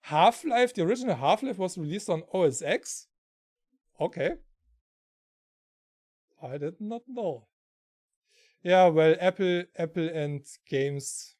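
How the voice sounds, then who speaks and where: A man's voice: a little high, slow, long pauses, a little mellow. A German man from southern Germany hosting a casual stream, telling rambling anecdotes and laughing often. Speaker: stream host.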